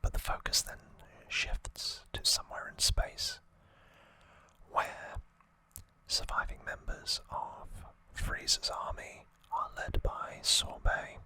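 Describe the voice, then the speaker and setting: An ASMR host recaps trivia entirely in a whisper that's very high, bright, and crisp at the edges. Very slow and unscripted, the retelling is hesitant and conversational, with the voice close to the mic on a rough recording.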